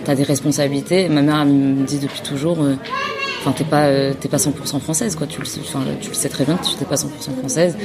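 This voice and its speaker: A woman's voice: deep voice, steady tone, fast, music in the background. A woman who was born in France, a podcast guest, talks casually and thoughtfully with many fillers and restarts. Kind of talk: casual conversation.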